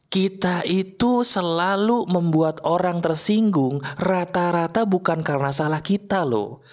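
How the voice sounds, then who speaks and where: A man giving a motivational talk over an animated video. He speaks directly to viewers as friends and keeps asking rhetorical questions. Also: fairly high pitch. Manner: addresses listeners as friends.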